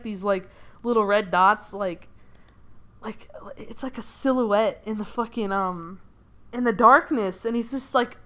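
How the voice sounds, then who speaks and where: A woman with a fairly high voice casually tells a dream story while she doodles. She rambles with plenty of fillers, giggles and the odd swear. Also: fairly bright tone. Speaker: channel creator.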